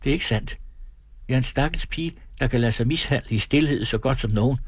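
A man's voice: medium pitch, slightly rough, dry recording, voice pushed up. A man voicing a proud but hurt young woman in a storybook, speaking in a trembling, pleading way.

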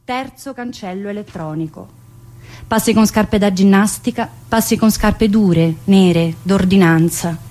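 A woman who writes and performs solo stage work delivers a dramatic monologue in short, clipped, declamatory fragments, like a list of remembered phrases, shifting between voices. Her voice is medium-pitched, unhurried and mellow.

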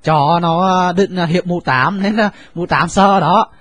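A man's voice: high voice, very slow, a little mellow, exaggerated voice. A man voicing a flustered male servant who stammers and hesitates.

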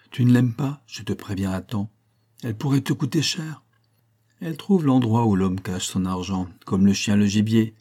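Storybook role: man reading a cutting older man, low dark voice, sarcastic. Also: lightly acted. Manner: sarcastic, lecturing. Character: old man Liénard, bitter and cutting.

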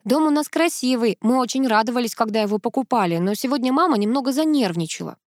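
A woman reading the part of a self-assured businesswoman and mother in an audiobook, with a brisk, matter-of-fact delivery. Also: a little high, lively intonation, no echo, studio quality, pitched above the performer's own voice, lightly acted. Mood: chatty.

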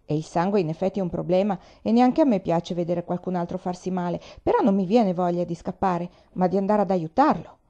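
Brief: woman reading as a feisty, scornful young girl, brisk and matter-of-fact, warm voice, muffled recording. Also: lowish voice, lightly acted.

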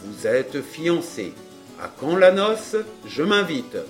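A man's voice: medium pitch, lively intonation, normal speed, close to an everyday voice. A man reading the part of a breezy, wry rogue of a friend, offhand and dry, with faint music behind.

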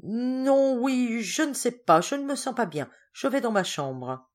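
A woman's voice: low-pitched, animated, normal speed, a little mellow, slightly rough. A woman reading aloud and voicing a frightened, guilty young man who stammers and dodges. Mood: flustered. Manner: flustered, stammering.

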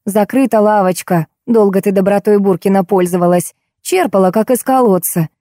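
A woman's voice: mid-range voice, moderate pace, warm tone, no echo, clean studio sound, lightly acted. A woman reading an audiobook, voicing a harsh, angry female housekeeper who scolds and snaps. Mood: scolding.

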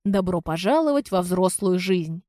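A woman reading an audiobook, voicing a calm, ironic young man who speaks in a measured way. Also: lowish voice, dry recording, studio quality, natural voice. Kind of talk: audiobook character voice.

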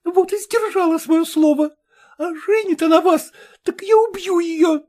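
A woman's voice: extremely high pitch, measured pace, dark tone. A woman voicing a passionate, jealous massagist who makes wild threats and swears devotion. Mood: threatening. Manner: vehement, threatening, then tearful. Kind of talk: audiobook character reading.

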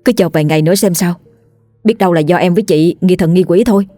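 A wary village boy talks fast and carefully, keeping a cooler head than those around him, as read by a woman. The voice stays low and dry, with faint music in the background of this spoken ghost story. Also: mellow, dry recording, natural voice. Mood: calm. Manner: quick, cautious speech.

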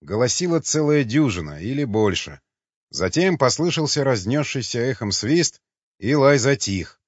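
Husky male audiobook narrator. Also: mid-range voice, moderate pace, no echo. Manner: dramatic, expressive. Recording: dull, slightly lo-fi dry recording.

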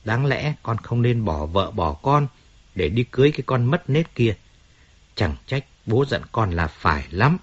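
A self-pitying fallen star moans about his ruined life, as a man reads him out. His voice sits a little higher and rougher, full of complaint. The storybook recording sounds slightly dull. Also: very animated, unhurried. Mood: sorrowful. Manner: complaining, pleading, resentful. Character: self-pitying washed-up male singer, whining, bitter.

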